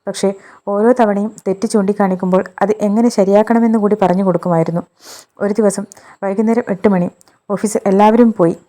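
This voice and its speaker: A woman reading a scripted love story as narrator, in a steady, measured storytelling manner. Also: mid-range voice.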